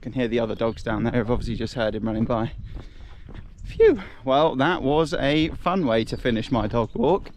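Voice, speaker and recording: A man talking outdoors on a farm in an upbeat, chatty vlog style. His voice sits at an ordinary middle pitch, and a faint background hiss runs underneath. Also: brisk, hardly any pauses. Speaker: family vlog host. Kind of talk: casual vlog narration.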